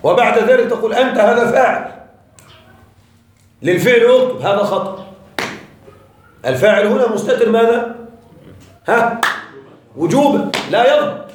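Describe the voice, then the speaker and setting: A man's voice: extremely high pitch, normal speed, long pauses, slight background noise. A man teaching a grammar lesson to a class, often checking that the students follow and repeating his key points. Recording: very echoey room, voice far from the mic.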